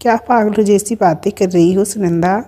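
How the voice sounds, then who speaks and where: A caring woman friend offers firm, brisk reassurance, voiced by a woman narrator. Her voice is warm and mellow, delivered in the manner of a storybook read aloud. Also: medium pitch, steady tone, natural voice. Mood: reassuring.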